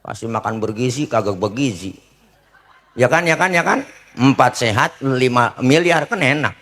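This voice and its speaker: A man's voice: medium pitch, moderate pace. A middle-aged man gives a comic sermon as a preacher, joking and often asking the crowd for agreement. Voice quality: bright, lively, joking, asks the crowd for agreement.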